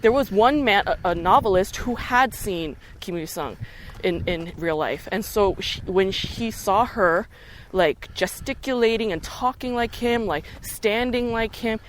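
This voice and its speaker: A woman's voice: mid-range voice, a little slow, a little hiss or hum. A woman chatting as a podcast guest while out on a hike, telling stories with lots of energy and frequent swearing. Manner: animated storyteller, swears freely. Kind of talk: casual chat on a hike. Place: outdoors on a hiking trail.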